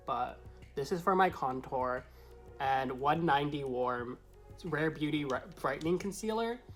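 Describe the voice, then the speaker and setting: A man who is a drag queen vlogger, talking through a tutorial to camera in a chatty, meandering, explanatory way. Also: a little high. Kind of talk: casual tutorial talk to camera.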